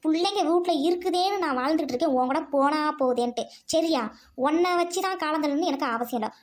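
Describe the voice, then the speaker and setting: A woman voicing a fed-up cartoon housewife who fights back, with fast, sharp scolding. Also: high-pitched, natural voice. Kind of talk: cartoon voice acting.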